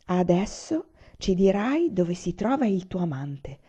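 A woman voicing a menacing male army colonel during an interrogation, speaking slowly, quietly and coldly. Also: on the low side, very animated, slightly rough, heavily acted. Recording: dull lo-fi recording.

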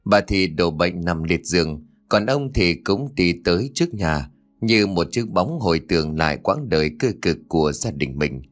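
A man narrating a horror story for an audiobook in an expressive storytelling manner. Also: low-pitched, normal speed, faint music behind.

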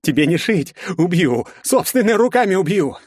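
Guy putting on an angry young thug, high and loud, yelling threats, dry sound. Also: very animated, quick pace, no room sound. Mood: furious. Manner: shouting, snarling threats. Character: arrogant young male brawler, hot-tempered bully.

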